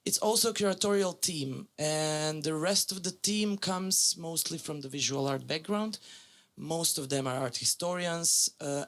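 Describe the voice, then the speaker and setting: Croatian-accented woman, 40s, curator lecturing in English; gravelly fry in the voice, halting delivery full of fillers. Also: sits low, fairly bright tone. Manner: halting, with many fillers and self-corrections. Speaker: music curator giving a lecture. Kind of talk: public lecture.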